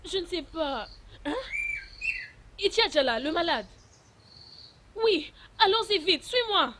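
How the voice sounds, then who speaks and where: A woman's voice: very high voice, sing-song, takes it slowly, pushed and bright, full character voice. An actress voicing a young village woman searching for her missing mother in a French film dub, insistent and often tearful. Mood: urgent.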